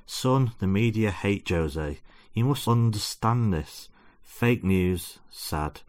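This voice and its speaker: Male reader as a self-deluded father lecturing at bedtime, deep and preachy. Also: animated, takes it slowly, darkish tone. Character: pompous self-deluded football-mad father.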